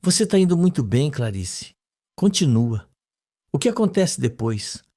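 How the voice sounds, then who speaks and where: A man reading the lines of a doctor who guides a patient through hypnosis in a soft, calm, encouraging voice, for a soap opera recap. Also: mid-range voice, unhurried. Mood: soothing. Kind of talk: read-aloud soap recap.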